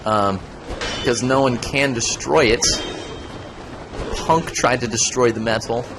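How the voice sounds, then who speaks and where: A young man streams a video game, his mid-range voice slow against some background noise. He chats casually as he plays, rambling, joking and slipping into goofy voices.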